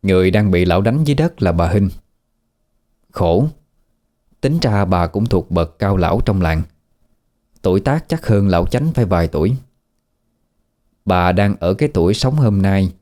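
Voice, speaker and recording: A man narrating a scripted horror story in a steady, somber way. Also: low voice.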